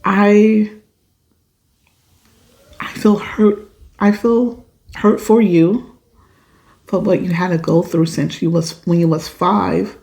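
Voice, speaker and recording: A woman's voice: mid-range voice, steady tone, slow, creaky, pauses often, dark tone. A woman podcast host reading a listener's letter aloud and reacting to it in an emphatic, outspoken way. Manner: emphatic, outspoken, swears when upset.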